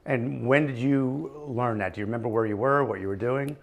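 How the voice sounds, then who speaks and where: A man hosting a casual telethon interview, effusive and admiring, talking in halting bursts with frequent restarts. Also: mid-range voice, gravelly. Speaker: telethon host interviewing a guest.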